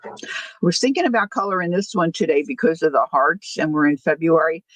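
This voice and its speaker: A woman's voice: sits low, lively intonation, fairly quick, fairly bright tone, no echo, poor audio. An older woman chatting casually as a livestream host, rambling easily through asides, her words slightly slurred from missing front teeth. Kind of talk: casual chat.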